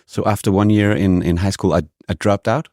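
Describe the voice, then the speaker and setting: Danish male musician, deep voice, casual interview guest, halting delivery, dry close sound. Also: steady tone, darkish tone, no echo. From Denmark. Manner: hesitant, with many restarts.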